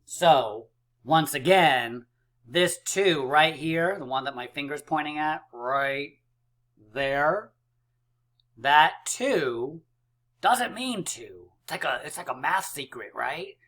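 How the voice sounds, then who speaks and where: Upbeat bright-voiced male math coach. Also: a little high, lively intonation, slow pace. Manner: upbeat, chatty, many fillers. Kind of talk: kids' math lesson.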